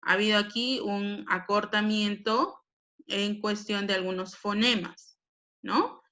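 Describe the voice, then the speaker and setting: A woman's voice: medium pitch, slow, pushed and bright, lo-fi sound. A Peruvian woman teaching a language lesson, explaining patiently with frequent tag questions. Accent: Peruvian Spanish. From Peru.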